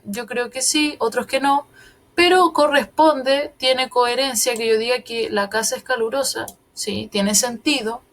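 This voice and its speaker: A woman teacher talks through a recorded lesson at an easy, methodical pace. Her voice sits a little high, and she keeps pausing to check that her students follow each step. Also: a bit bright, slight background noise. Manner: patient, explains step by step, often checks understanding.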